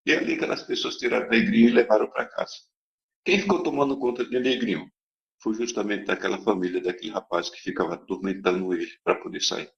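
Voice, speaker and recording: Low gravelly man telling a testimony. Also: fast. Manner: dramatic, emphatic storytelling. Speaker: church member giving testimony. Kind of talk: testimony storytelling to a congregation. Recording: dull lo-fi recording.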